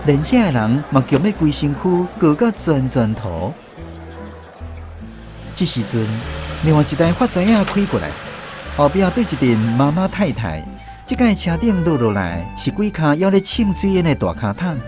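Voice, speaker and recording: Speaking at a normal pace with a fairly high pitch, a man with a Taiwanese accent gives a very animated performance as a reflective troupe director. In this scripted radio drama, he narrates his touring-day memories in a storytelling, reminiscent way over background music.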